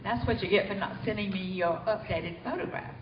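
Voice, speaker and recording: A woman's voice: mid-range voice, a little fast. A woman gives training announcements in a casual, chatty way at a company meeting. She sounds distant from the microphone, and the hotel meeting room echoes around her. The recording is dull and slightly muffled, with a faint hiss. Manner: chatty, informal. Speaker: training coordinator.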